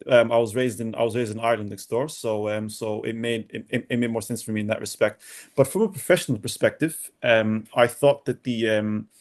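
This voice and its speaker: A young man from Sudan, a doctor answering podcast interview questions in a halting way with many restarts and repeated words. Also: mid-range voice, darkish tone. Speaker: doctor, guest.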